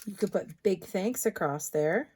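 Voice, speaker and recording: A woman's voice: mid-range voice, expressive, a little slow, a little hiss or hum. A woman demonstrating a card-making technique in a chatty tutorial, thinking aloud as she works. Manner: chatty, thinks aloud, drops into soft asides. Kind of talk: crafting tutorial.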